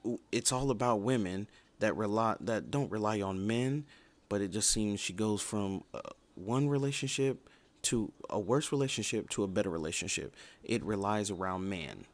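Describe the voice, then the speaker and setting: A man's voice: on the low side, normal speed. A man in his twenties giving a casual livestream review in a blunt, opinionated, rambling way. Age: 20s. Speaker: show reviewer.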